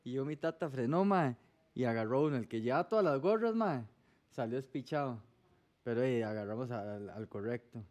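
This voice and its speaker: Costa rican dude chatting on a podcast, slangy, mid voice, quotes what people said. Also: male voice, mid-range voice, expressive, normal speed, a little mellow. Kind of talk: casual storytelling chat.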